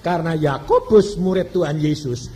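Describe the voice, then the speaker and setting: A man's voice: a little high, moderate pace, warm tone, slight background noise. A male pastor from Indonesia, preaching a sermon with dramatic swings in volume.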